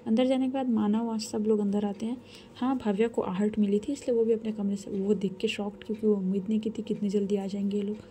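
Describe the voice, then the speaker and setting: A woman's voice: medium pitch, little pitch movement, quick pace, dark tone, a little hiss or hum. A woman narrating a romance story in a casual, conversational way. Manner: conversational, retelling with fillers.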